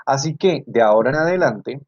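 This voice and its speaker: Going over students' work in an online university class, this Colombian-accented tutor speaks a little fast with lively intonation at a medium pitch. He breaks things down step by step, restates his points and makes sure the class keeps up, all through a computer mic on a video call that sounds slightly dull and lo-fi.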